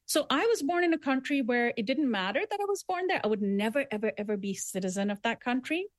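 Earnest woman, emphatic and fairly high-voiced. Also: big pitch swings, quick pace, no echo. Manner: earnest, emphatic, building arguments with repetitions. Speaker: author guest. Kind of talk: conversational interview.

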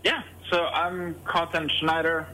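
Guest with a French accent, thirties, bright tense voice, hesitant and restarting. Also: male voice, fairly high pitch, little pitch movement, unhurried, a little hiss or hum, rough recording. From France. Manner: hesitant, many fillers and restarts. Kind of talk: casual interview answers.

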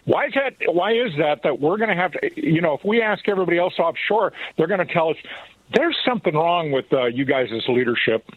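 A man's voice: a little high, lively intonation, fairly quick, husky, no room sound. Rambling male caller on a phone line. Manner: rambling, many fillers and restarts. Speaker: regular radio caller. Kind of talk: casual phone call.

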